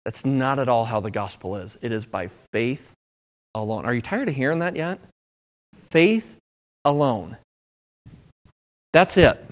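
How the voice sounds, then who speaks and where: A man's voice: medium pitch, lively intonation, unhurried, long pauses. A man in his thirties preaching a sermon in a conversational, self-deprecating way. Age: 30s. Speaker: pastor. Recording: dull lo-fi recording.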